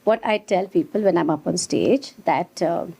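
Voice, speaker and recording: Appearing as an interview guest, a fifty-something woman who works as a comedian and ventriloquist tells her personal story in a relaxed, wryly humorous way. She speaks at normal speed in a fairly low, mellow voice that is creaky and a bit breathy.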